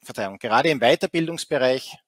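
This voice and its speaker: A middle-aged man delivers a keynote lecture over a video call from an indoor office, speaking through a headset with many fillers and restarts. His medium-pitched voice is animated and quick, and the recording is dry.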